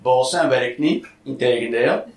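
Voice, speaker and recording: A man's voice: mid-range voice, a little slow. A man doing a blunt, profane stand-up comedy routine, in an echoey, distant live recording.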